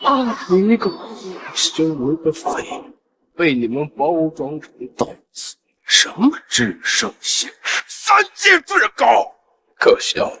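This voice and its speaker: Gloating demon-lord villain, wildly swooping. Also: male voice, a little high, huge pitch swings, takes it slowly, creaky, bright, forceful tone, heavily acted. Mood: mocking rage. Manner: menacing, mocking, theatrical swings from hiss to roar. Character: gloating, raging male demon-lord villain, half-step heavenly demon. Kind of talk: Chinese fantasy short-drama acting.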